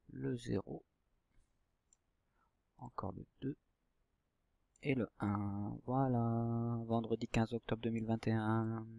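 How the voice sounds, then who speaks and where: Man, primary teacher, slow patient delivery, drawn-out syllables, dry close sound. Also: medium pitch, vocal fry, darkish tone, no room sound. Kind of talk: recorded reading lesson for young children.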